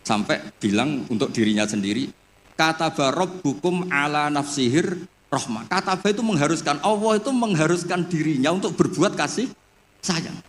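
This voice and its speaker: A man, giving a humorous religious lecture with relaxed storytelling and jokes before an audience. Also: a little high, moderate pace, long reverb tail, slight background noise. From Indonesia. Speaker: Islamic preacher.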